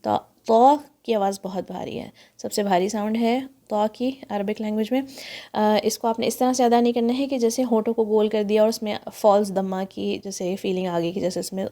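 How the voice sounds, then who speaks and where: A woman's voice: mid-range voice, warm tone. A woman teaching Quran recitation in a tajweed lesson, explaining each letter patiently and step by step, with a Pakistani Urdu accent. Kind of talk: tajweed lesson, slow demonstrations.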